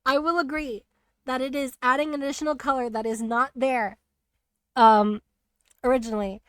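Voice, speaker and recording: A woman streamer chatting casually about a video game, rambling and animated with lots of fillers. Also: sits high, normal speed, clean tone. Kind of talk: casual spoiler chat on a live stream.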